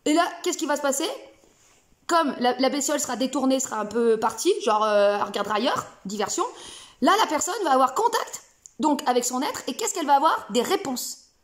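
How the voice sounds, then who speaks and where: A woman talks straight to camera from her home, loose and playful, wandering through her points with lots of fillers. Her voice sits notably high. The tone is informal and chatty. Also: lively intonation, brisk. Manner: rambling, playful, many fillers. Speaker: self-help video host. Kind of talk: casual spoken explanation to camera. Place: home room.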